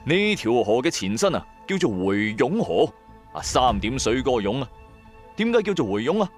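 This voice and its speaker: Over soft background music, a Cantonese-accented man tells an audio drama in the first person, in a colloquial, dramatised way with casual asides to his audience. He speaks at a normal speed in a mid-range voice, an animated storyteller who throws in rhetorical asides.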